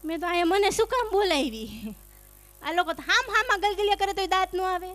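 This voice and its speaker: High-voiced chatty woman comedian. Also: expressive, brisk, a bit bright, soft background music. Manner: chatty, teasing, acts out dialogue. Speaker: stand-up comedian. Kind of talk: live stand-up storytelling. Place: stage before a live audience. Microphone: stage microphone.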